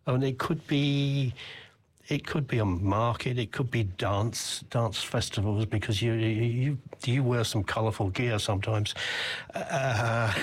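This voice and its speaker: A man's voice: medium pitch, slightly rough. An older man interviewing a guest, asking long, reflective questions full of restarts. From United Kingdom. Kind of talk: conversational interview.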